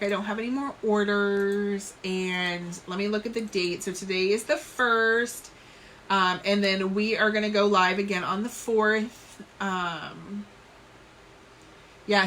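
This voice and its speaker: Chatty bright-voiced New Jersey woman. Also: medium pitch, slight background noise. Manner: chatty, rambling, self-deprecating. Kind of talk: casual live-stream chat.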